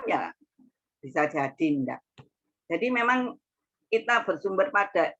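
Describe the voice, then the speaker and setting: A woman's voice: mid-range voice, pushed and bright. A woman giving an earnest, heartfelt and rambling personal faith testimony. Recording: dull lo-fi recording.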